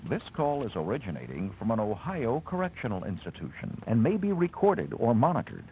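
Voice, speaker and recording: A man's recorded voice giving a formal automated collect-call announcement over a prison payphone line, in clipped, measured prompts. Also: medium pitch, a little hiss or hum. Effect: automated collect-call announcement heard over a prison payphone line. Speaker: recorded phone operator message. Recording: tinny payphone line with clicks.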